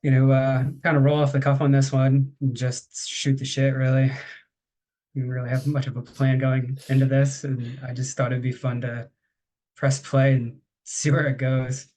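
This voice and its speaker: A man's voice: mid-range voice, completely flat delivery, normal speed, mellow. Laid-back joking man from the Northeast. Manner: loose, joking, laughs often. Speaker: podcast co-host. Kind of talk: casual conversation.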